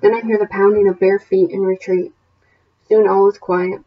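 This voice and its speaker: A woman's voice: mid-range voice, moderate pace, lo-fi sound, slight background noise. Woman teacher reading a novel aloud. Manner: steady, plain reading with small self-corrections. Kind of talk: reading a novel aloud and setting homework questions.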